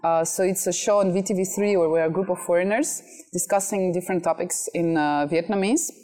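Outdoors at a villa, a Russian-born, French-raised MC and content creator in her thirties is a guest in a casual interview chat. Her voice is on the low side and dark in tone, a little fast, and she stays cheerful, laughing often and talking in short phrases.

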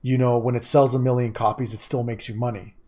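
A man with a mellow, warm tone and mid-range pitch argues his views on games as a podcast co-host. He speaks emphatically, pressing his opinions with conviction. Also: flat delivery, fast. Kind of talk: casual chat about video games.

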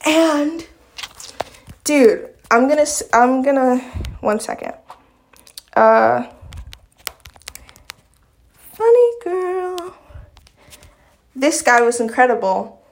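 A woman's voice: fairly high pitch, takes it slowly, vocal fry, long pauses. A young woman from Long Island talking in a casual, rambling vlog chat full of fillers. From Long Island, New York. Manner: chatty, rambling, lots of fillers. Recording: echoey room.

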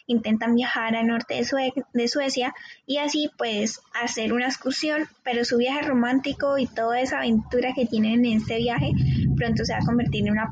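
A woman's voice: fairly high pitch, husky. An enthusiastic woman co-hosting a show and recommending films informally. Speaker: co-host of a film show. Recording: dull, lo-fi audio.

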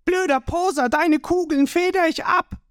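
Man doing a shrill, cocky boy pirate. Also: measured pace, dry recording, studio quality. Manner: high, yelling, cocky. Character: brash cheeky boy pirate, fearless and loud.

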